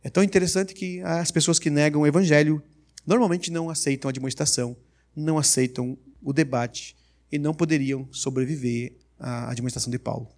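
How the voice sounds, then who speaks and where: A man preaching a sermon, emphatic and energetic, asking the congregation rhetorical questions. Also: on the high side, a little fast.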